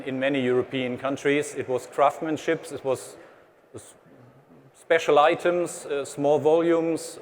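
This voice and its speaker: A man with a German accent presents on stage, pausing often with hesitant fillers as he explains. His voice sits a little high and carries a long hall reverb with faint noise behind it. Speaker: trade association head presenting. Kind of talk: conference presentation. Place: large exhibition hall stage.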